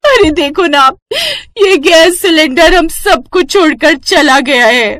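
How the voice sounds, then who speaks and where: A woman's voice: a little high, moderate pace, fairly bright tone, dry recording, lightly acted. Woman doing a dramatic young daughter-in-law. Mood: wailing. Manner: pleading, melodramatic.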